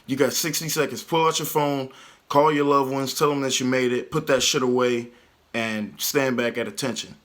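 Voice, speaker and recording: Man doing a drill instructor, harsh, screaming, barked orders, high strained shout. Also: steady tone, moderate pace, natural voice. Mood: commanding. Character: yelling male navy drill instructor, harsh.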